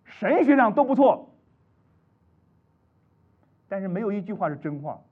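A male pastor preaching a sermon, animated and rising to emphatic peaks. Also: high voice, measured pace, husky. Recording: dull lo-fi recording.

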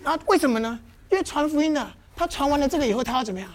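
A high-pitched woman teaches in a church, firing questions at her listeners and acting out little scenes. Her delivery is lively and interactive, like a teacher coaxing answers from a class. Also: racing. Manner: constantly quizzes the audience with questions; lively, with playful demonstrations.

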